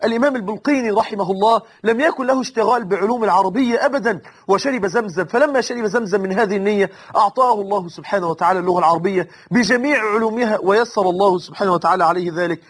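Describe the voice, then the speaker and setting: A man's voice: high voice, racing, slightly rough. A man with an Egyptian Arabic accent preaching a sermon, emotional and earnest, swearing oaths and rising into impassioned pleas.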